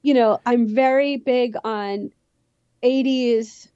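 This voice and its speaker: A woman's voice: a little high, fairly even intonation, slow pace, mellow, smooth, dry recording, highs cut off. A woman with a Southern California Valley Girl accent, a youthful teenage-sounding voice and a slight lisp, chatting casually and ramblingly as an interview guest. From San Fernando Valley, California. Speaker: musician, podcast guest.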